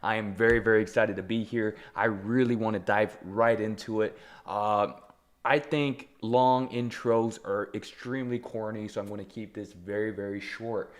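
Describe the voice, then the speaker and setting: A young man hosting his own podcast, speaking in an energetic, emphatic way with self-deprecating asides in a solo motivational monologue. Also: fairly low pitch, moderate pace. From Taiwan. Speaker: podcast host.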